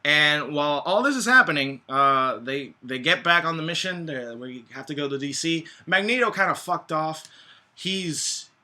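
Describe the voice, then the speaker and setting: A man giving a casual, rambling movie review in slangy, profane language, often halting and groping for words. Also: on the high side, animated, pushed and bright. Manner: halting, groping for words with many false starts.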